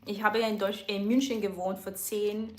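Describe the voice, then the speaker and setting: A chatty woman talks straight to camera into a microphone in her home studio. She laughs often and corrects herself mid-sentence. Her pitch sits mid-range, and the room gives her voice a noticeable echo. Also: level tone, normal speed. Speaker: livestream host. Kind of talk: casual face-to-camera chat. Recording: roomy echo.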